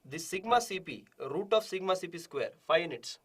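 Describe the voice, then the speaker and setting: Male teacher, Indian accent, fairly high voice, live lecture delivery, repeats key phrases, question-and-answer phrasing. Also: animated, normal speed, a bit bright, husky. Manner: repetitive, emphatic, asking and answering his own questions. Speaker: engineering exam teacher. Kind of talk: live online lecture, solving exam questions.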